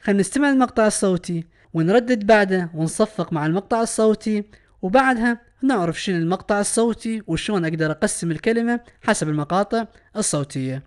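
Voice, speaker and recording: A man's voice: sits high, lively intonation, fast. A man with an Iraqi Arabic accent gives a recorded English lesson. He speaks patiently, says each word again and again, and translates it as he goes. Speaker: English teacher. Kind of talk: recorded classroom lesson explanation.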